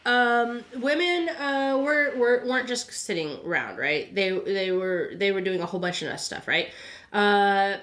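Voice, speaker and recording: A medium-pitched, animated woman speaks a little slowly with a fairly bright tone. As a podcast host, she tells history in a chatty, informal way from her notes, frequently adding "right?" Along the way she stumbles, self-corrects, and repeats words.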